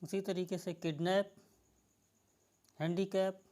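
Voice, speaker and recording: A woman, teaching spelling rules to exam students in a slow, explaining manner. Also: on the low side, fairly even intonation, warm tone. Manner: slow explanatory teaching, addresses viewers as friends. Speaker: English teacher.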